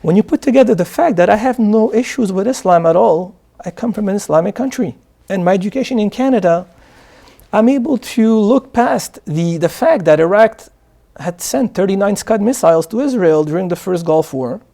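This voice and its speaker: A man's voice: sits high, animated, normal speed, creaky, dark tone. Earnest man from Morocco. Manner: earnest, repeats words when starting sentences. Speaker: guest, charity founder. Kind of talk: interview answers. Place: studio.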